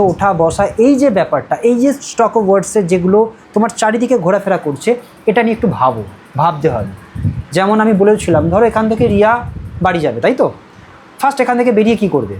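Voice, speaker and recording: A woman from Medinipur, West Bengal, with a Medinipur Bengali accent teaches a spoken English class, her medium-pitched voice slightly mellow. She explains each step and keeps checking in with her students. The low-quality recording carries slight background noise.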